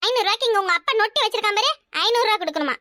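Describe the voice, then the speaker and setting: A woman's voice: lively intonation, bright, forceful tone, no echo, clean studio sound, exaggerated voice. A woman voicing a harsh, worn-out village mother in a cartoon, with a Kanyakumari Tamil accent and a scolding, threatening way of talking. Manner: shrill scolding, threatening, rapid-fire. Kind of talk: cartoon voice acting.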